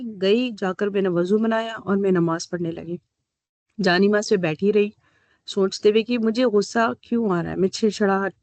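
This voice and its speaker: A woman's voice: medium pitch, a little mellow, dry recording. Storytelling woman counsellor, dry sound. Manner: storytelling, mixes English phrases with pauses and fillers. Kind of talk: online workshop talk.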